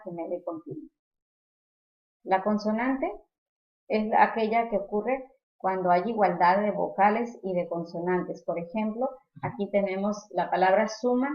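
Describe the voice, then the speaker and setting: Woman teacher, explanatory lecture, repeats words as she goes, echoey room, slightly muffled sound. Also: medium pitch. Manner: explanatory, repeats words while searching for them. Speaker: literature teacher. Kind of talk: recorded lecture on poetry.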